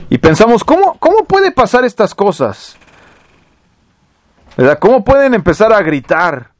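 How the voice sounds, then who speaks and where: A man's voice: fairly high pitch, dry recording. A man preaching a sermon, reading scripture aloud and explaining it with rhetorical questions. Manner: reads verses then explains with rhetorical questions.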